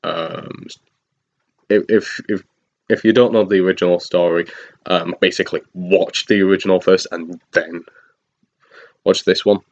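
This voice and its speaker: A man with a very deep voice talks through a film review in a loose, rambling way, full of ums, restarts and little chuckles. The recording sounds dull and lo-fi. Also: fairly even intonation, unhurried, pauses often. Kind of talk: casual spoken review.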